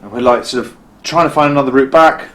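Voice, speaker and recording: A British filmmaker, interviewed as a guest in a costume shop, tells a vivid story, acting out what people said and frequently restarting his sentences. He's a fast talker with a medium-pitched, slightly bright voice, captured in a low-quality recording.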